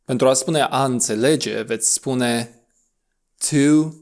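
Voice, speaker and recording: A man leading an audio lesson on English pronunciation. He gives quick instructions and then draws out the model words slowly. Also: medium pitch, a little mellow. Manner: slow, drawn-out model words between brisk instructions.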